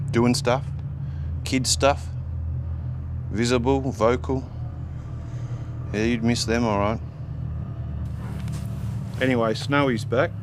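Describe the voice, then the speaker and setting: A crude small-time crook, played by a man, pitching his schemes in a rambling, swearing flow. His voice sits mid-range for a man. Heavy street and traffic noise runs loudly behind him. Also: close to an everyday voice. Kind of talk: radio drama acting.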